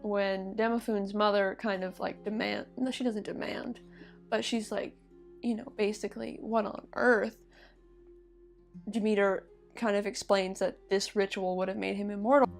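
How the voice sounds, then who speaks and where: A woman's voice: mid-range voice, steady tone, moderate pace, creaky, a little mellow, faint music behind. Chatty young woman retelling a myth. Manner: chatty, laughing, many fillers. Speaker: podcast co-host retelling a myth. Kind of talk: casual storytelling chat.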